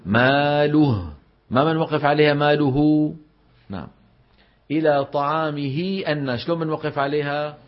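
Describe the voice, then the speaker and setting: A man teaching recitation rules to a class, questioning his students and reciting examples slowly. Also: a little high. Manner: explains with frequent questions to the class. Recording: dull lo-fi recording.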